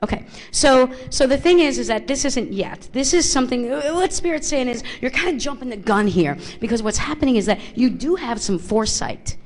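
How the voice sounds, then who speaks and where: A woman's voice: sits high, lively intonation, a little fast, hardly any pauses. A woman working as a psychic medium before a live audience, speaking into a handheld microphone in a small theater, thinking aloud with many restarts.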